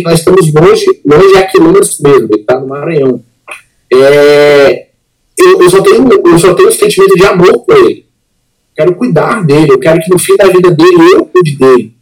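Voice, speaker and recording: Earnest pastor, higher voice. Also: male voice, a little mellow, faint music behind, low-quality recording. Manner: earnest, halting, repeats words. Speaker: pastor and podcast guest. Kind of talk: emotional personal testimony.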